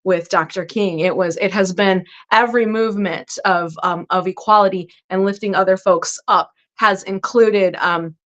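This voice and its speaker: A woman's voice: medium pitch, steady tone, normal speed, few pauses, muffled recording. A woman, a guest minister speaking earnestly and reflectively in a podcast interview, with frequent fillers. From Irish American.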